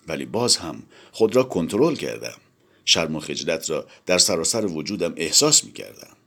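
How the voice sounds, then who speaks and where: A man narrating a novel aloud in a dramatic, expressive reading. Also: low voice. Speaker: audiobook narrator. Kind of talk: scripted literary narration.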